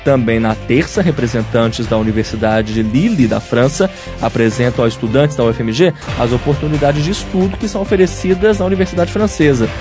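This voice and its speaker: Faint music plays under a university radio news bulletin that a man reads from a script. His medium-pitched voice is brisk, and his delivery is clear, steady and announcer-like.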